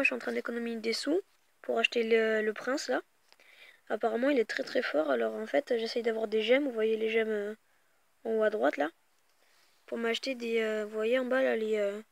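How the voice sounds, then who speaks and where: A woman's voice: on the high side, vocal fry. A woman casually commenting on a mobile game as she plays it, talking straight to her viewers in a chatty way with many fillers and restarts. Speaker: gaming YouTuber.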